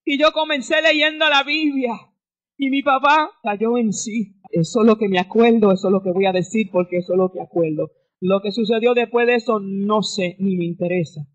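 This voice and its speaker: A woman's voice: fairly high pitch, lo-fi sound. Fervent woman pastor giving testimony. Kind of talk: testimony sermon on radio.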